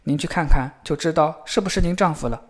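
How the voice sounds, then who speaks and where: A man voicing a naive, fearless young man who talks loudly and eagerly. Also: fairly high pitch, quick pace, lightly acted. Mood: protesting. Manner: loud, shouting and eager.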